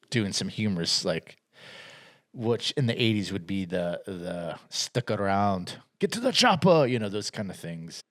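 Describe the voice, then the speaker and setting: A man co-hosting a podcast, chatting casually about upcoming movies, rambling with restarts and frequent laughs. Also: fairly low pitch. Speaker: podcast co-host.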